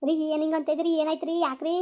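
A woman's voice: sits high, little pitch movement, racing, darkish tone, highs cut off, lightly acted. A woman voicing a worried village mother who nags and pleads with her family. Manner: pleading, scolding. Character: worried village mother, nagging but caring. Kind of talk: village family drama acting.

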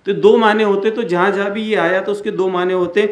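A man delivers a religious lecture in a fairly high voice. He explains patiently, circling back over each point and slowing down to recite Arabic verses. The recording has a roomy echo around him. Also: fairly even intonation. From India. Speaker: Islamic speaker and founder of an education center. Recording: echoey room.

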